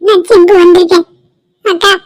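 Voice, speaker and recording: A woman voicing a young village boy who runs to bring urgent news, pleading and hurried. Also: extremely high pitch, steady tone. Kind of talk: cartoon voice acting.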